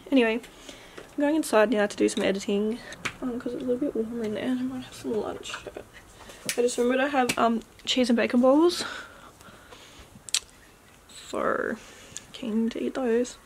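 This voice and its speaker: A woman's voice: on the high side, steady tone, normal speed, darkish tone, slight background noise. An eighteen-year-old woman vlogging casually at home, rambling with lots of likes and ums, sometimes dropping to a whisper. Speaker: beauty vlogger. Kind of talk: casual vlog chat to camera. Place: at home, indoors. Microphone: camera mic on a tripod.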